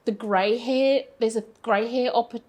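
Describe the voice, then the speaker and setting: A woman's voice: fairly high pitch, steady tone, a little slow, a little mellow. An Australian woman in her fifties, a business owner answering interview questions in a rambling, self-deprecating way with many fillers. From Brisbane, Australia. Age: 50s. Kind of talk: casual interview chat.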